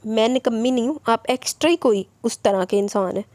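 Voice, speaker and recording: A bashful young bride from a romance audiobook, pleading and coaxing in a raised, mellow voice, as a woman narrator puts her on. She stammers when teased. The voice sits close and dry, with no room around it. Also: fairly high pitch, a little fast, no room sound, lightly acted. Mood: flustered. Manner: soft pleading, stammering denials. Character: shy sweet young wife, pleading and flustered.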